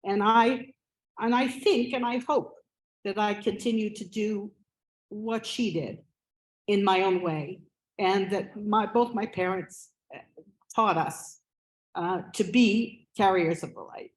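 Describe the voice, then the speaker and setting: A woman giving spoken memorial remarks as a family member, halting, with many fillers and restarts, into a microphone at a gathering. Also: medium pitch, rough recording.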